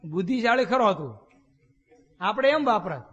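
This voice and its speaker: High-voiced preacher in a reverberant hall. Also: male voice, big pitch swings, normal speed, fairly bright tone, lo-fi sound. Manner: folksy storytelling with rhetorical questions. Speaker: swami preacher. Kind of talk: storytelling sermon. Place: temple hall.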